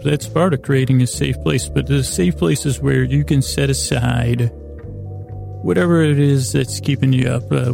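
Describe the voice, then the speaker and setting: An American man hosts a sleep podcast, his medium-pitched voice mellow, breathy and creaky. His bedtime monologue is whimsical and meandering, halting along with plenty of stammers and self-interruptions.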